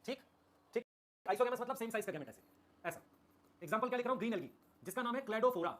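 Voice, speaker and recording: A man teaching a biology class live online, repeating key terms and asking "okay? clear?" while calling his students children. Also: very high-pitched, lively intonation, quick pace, fairly bright tone. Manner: addresses students affectionately as children.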